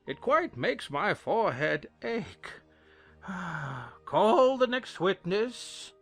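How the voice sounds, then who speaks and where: A man playing a pompous, muddled king in a children's audiobook drama, with a drawn-out, dithering, theatrical delivery. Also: high voice, sing-song, fairly bright tone, husky, soft background music, full character voice. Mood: weary, grumbling. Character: muddled, pompous old King of Hearts presiding as judge.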